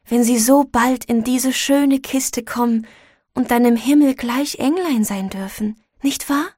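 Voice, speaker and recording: A woman voicing a small, eager, innocent boy in a storybook reading, in a high, soft childlike voice. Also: unhurried, dry recording, studio quality. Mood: wondering.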